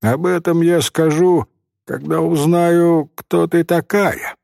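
A man's voice: high voice, sing-song, slow pace, vocal fry, no echo, studio quality, voice pushed up, full character voice. A man reading a story voices a small, self-important boy messenger who talks in a stern, know-it-all way. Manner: pompous, sententious.

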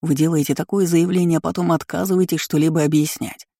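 Narrator doing a gruff, irritable guard captain. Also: medium pitch, little pitch movement, quick pace, mellow, no room sound, studio quality. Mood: irritated. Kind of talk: audiobook character reading.

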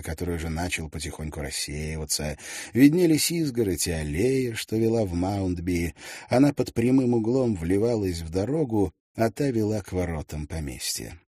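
A man reading a novel aloud as an expressive audiobook narrator. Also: low-pitched, normal speed, breathy edge, dry recording, studio quality. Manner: expressive, varied delivery.

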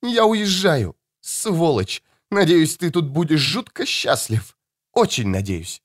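A woman's voice: low-pitched, big pitch swings, slow pace, pitched above the performer's own voice, full character voice. A man voicing a shrieking, sobbing young woman. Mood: furious, sobbing. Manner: shrieking, bitter accusations. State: crying, short of breath. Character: furious tearful young woman, narrator's daughter.

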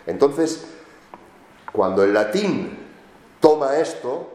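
A man's voice: mid-range voice, sing-song, slow pace, darkish tone. A man from giving a classroom lecture, explaining step by step and often checking in with his students. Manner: explanatory, with frequent questioning tags to students. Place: lecture room with an audience. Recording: roomy echo of a lecture room.

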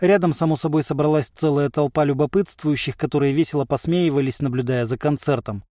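A man narrating an audiobook in a steady, wry storytelling manner. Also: fairly high pitch, fairly quick, dry recording, studio quality. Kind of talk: audiobook reading.

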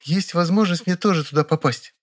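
A man's voice: fairly high pitch, fairly quick, voice pushed up, lightly acted. A man voicing a chatty, flirtatious woman in her thirties who coaxes and whines when refused, in an audiobook reading. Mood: eager. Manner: coaxing, whiny when refused.

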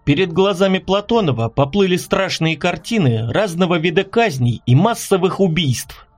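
Male audiobook narrator, dramatic and expressive, slightly high voice, faint music bed. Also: moderate pace.

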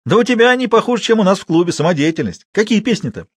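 A man's voice: a little high, big pitch swings, fairly quick, husky, no room sound, studio quality, pitched above the performer's own voice. A man voicing a young village club manager who teases and mocks an old watchman. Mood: mocking. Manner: ironic, teasing.

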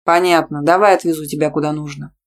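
A woman's voice: deep voice, steady tone, fast talker, natural voice. A woman voicing a brash, muscular young dragon-shifter man who talks bluntly and teases. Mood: calm. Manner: blunt, teasing.

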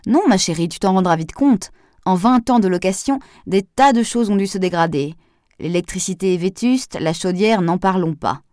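A woman's voice: medium pitch, normal speed, a little mellow, dry recording, studio quality, close to an everyday voice. A woman reading Henri, a grumbling older man. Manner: gloomy, complaining.

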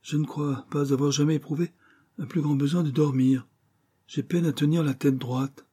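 A man's voice: a little high, fairly even intonation, normal speed, mellow, husky, voice pushed up. A man voicing a drowsy middle-aged woman. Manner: sleepy, drowsy.

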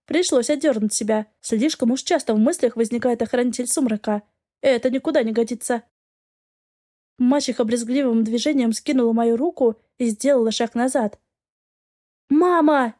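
A woman narrating a novel in the first person, in a measured storytelling way. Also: on the high side, warm tone. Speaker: audiobook reader.

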